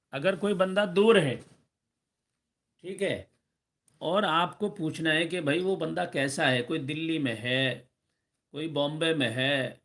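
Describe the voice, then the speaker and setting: A man's voice: on the high side, gravelly, fairly bright tone. Patient man teaching Arabic lessons. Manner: patient, repeats "ٹھیک ہے؟" checks and slow drawn-out example phrases. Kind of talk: recorded online lesson.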